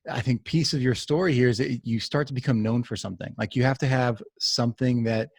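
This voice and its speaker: A man's voice: medium pitch, steady tone, fast, creaky, a little mellow, slightly rough, no echo, clean studio sound. A man hosting a podcast interview, talking conversationally and asking long, searching questions. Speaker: podcast host. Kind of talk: casual interview talk.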